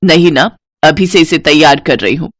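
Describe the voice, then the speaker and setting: Cruel scolding stepmother in a hindi cartoon, woman doing her, lowish voice, dry close sound. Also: normal speed, dry recording. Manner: scolding, sharp.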